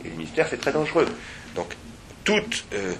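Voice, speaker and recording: A man speaking at an academic seminar, digressive and reflective, pausing often and restarting his sentences. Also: on the high side, wildly swooping pitch, noisy background.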